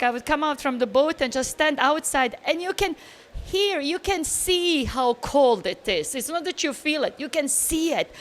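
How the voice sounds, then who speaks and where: A woman from Bosnia speaks with a high, light voice. She is in her forties and tells her travel stories casually and with energy, with loose grammar and easy laughter. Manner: animated storyteller, laughs easily, loose grammar. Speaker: guest traveller. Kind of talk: casual interview answers.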